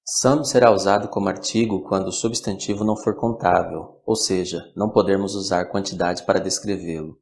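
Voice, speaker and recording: A man teaching a recorded language lesson, with slow, clear, measured delivery. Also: low-pitched, fairly even intonation, darkish tone, slight background noise. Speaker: English teacher.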